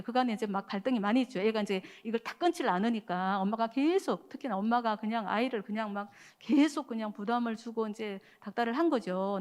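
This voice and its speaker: Speaking directly to a church prayer meeting, a woman with a medium-pitched, darkish voice preaches a sermon built around a story. Her manner is conversational and dotted with small fillers.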